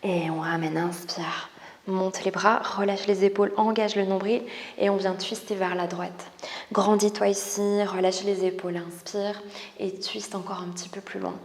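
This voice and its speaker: A woman with a French accent guiding a yoga class, giving soft, calm breathing cues that often drop to a whisper. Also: mid-range voice, normal speed. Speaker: yoga teacher and spiritual coach. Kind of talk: guided yoga class instruction. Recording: roomy echo with long reverb, faint background noise.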